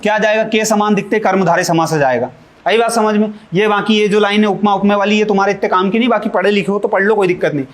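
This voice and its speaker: High-voiced man teaching grammar. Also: fast. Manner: asks questions and answers them himself, with jokes. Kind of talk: exam-prep lesson.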